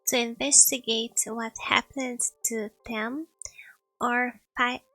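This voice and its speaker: A higher-pitched woman reading game text aloud on a live stream, taking her time and laughing at her own slips. Her tone is bright with a gravelly fry, heard up close and dry. Soft music plays behind her. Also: no echo, low-quality recording. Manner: giggly, trips over words and laughs at herself. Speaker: streamer playing a story game.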